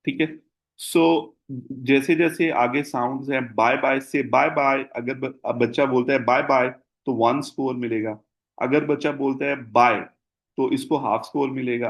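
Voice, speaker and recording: A man teaching a training session, explaining assessment scoring step by step and hesitating with frequent fillers. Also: mid-range voice. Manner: explanatory, mixes Hindi and English terms, frequent fillers. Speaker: ABA therapy trainer.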